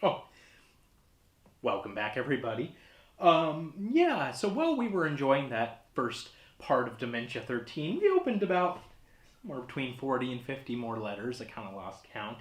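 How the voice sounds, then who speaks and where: Animated male horror host, awkward and roomy. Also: medium pitch, moderate pace. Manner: awkward, hesitant, rambling comic delivery. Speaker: horror host of a holiday movie show. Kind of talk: casual horror-host presenting. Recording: roomy, echoey sound.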